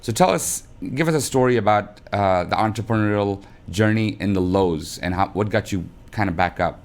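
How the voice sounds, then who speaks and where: Halting man asking rambling questions. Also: fairly low pitch. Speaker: host. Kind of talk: interview questions.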